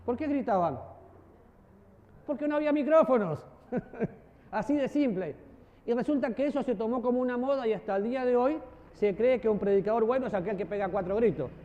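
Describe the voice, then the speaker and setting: A man giving a lively church teaching, acting out voices and joking with his listeners. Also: very high-pitched, brisk, long pauses. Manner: animated, acts out voices and gestures, jokes with the audience. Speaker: preacher and teacher. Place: church hall. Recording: dull audio with long hall reverb.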